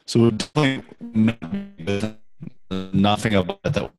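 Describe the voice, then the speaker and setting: A man answering questions as a guest expert over a remote conference call line that keeps breaking up, explaining steadily with frequent pauses and "um"s. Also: on the low side, sing-song, over music. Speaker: sales tax software guest expert.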